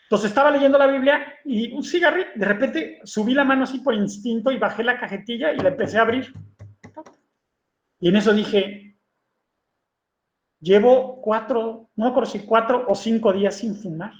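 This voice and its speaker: A man's voice: extremely high pitch, a little fast. Man, preacher, conversational sermon, echoey room, muffled recording. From Mexico. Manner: conversational, tag questions. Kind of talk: sermon testimony. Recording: echoey room, dull lo-fi sound.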